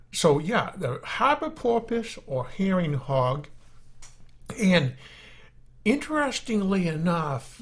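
A man with a Maine accent presenting an informal podcast in a folksy, somewhat halting way. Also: mid-range voice. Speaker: podcast host. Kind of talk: informal podcast presenting with weather and nature segments.

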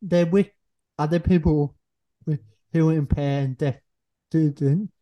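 A young woman guest on a podcast, speaking in a halting way and searching for words with pauses and "uh". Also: low-pitched. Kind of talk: casual conversation. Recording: dull lo-fi recording.

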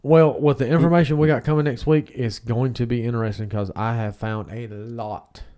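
A man with a smoker's rasp, bantering casually as a podcast co-host. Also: mid-range voice, fairly even intonation, moderate pace, warm tone. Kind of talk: casual beer-review banter.

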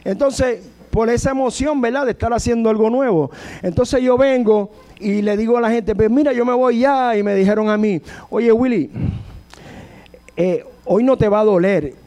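A man's voice: extremely high pitch, moderate pace, warm tone, lo-fi sound. A man in his late fifties preaching a chatty, humorous sermon, often asking the congregation questions. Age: late 50s. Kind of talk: conversational sermon.

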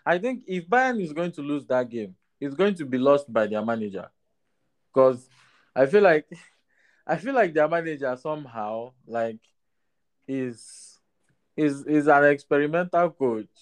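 A man's voice: on the high side, lively intonation, measured pace. A man in a casual sports discussion who often tags his phrases with a questioning "right?". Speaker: football podcast panelist.

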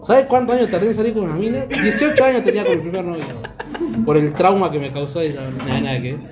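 A man's voice: high-pitched, fast talker, crowd noise. A young man from Argentina with a Córdoba accent, hosting a podcast and teasing his friend through laughter. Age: young adult. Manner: teasing, laughs while talking. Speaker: podcast host. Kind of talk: casual chat.

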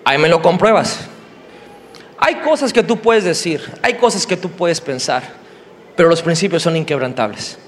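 A high-pitched man with a Mexican Spanish accent delivers a lively, jokey sermon. He slips into shrill, squealing character voices to act out his examples. His voice rings with the long reverb of a large church hall. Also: normal speed, a little hiss or hum. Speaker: preacher.

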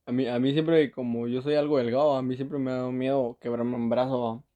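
A young man telling a story in casual chat, laughing often and ending lines with a quick tag. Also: medium pitch, flat delivery, dark tone.

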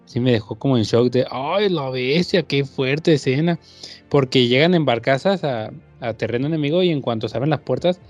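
A young Mexican man sharing a memory in relaxed, casual chat. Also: medium pitch, muffled recording.

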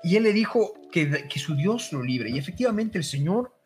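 A man's voice: high voice, big pitch swings, moderate pace, soft background music. Fervent man teaching Bible with amens. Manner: fervent, says amen, repeats words as he starts.

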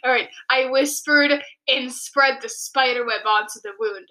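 A young woman with a high, bright voice reads her own old story aloud in a loose, casual way. She keeps breaking off into giggly, self-mocking asides. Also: measured pace. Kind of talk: casual read-aloud with commentary.

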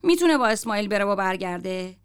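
A woman's voice: medium pitch, lively intonation, clear, resonant tone, natural voice. A woman reading the lines of a bossy, sly male warehouse boss in a story.

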